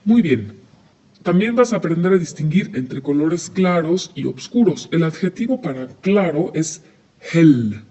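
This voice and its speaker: A man co-teaching an audio language lesson, slowly modeling words for the listener to repeat. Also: on the high side, lively intonation, warm tone, slightly rough, lo-fi sound. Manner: slow, modeling words for repetition.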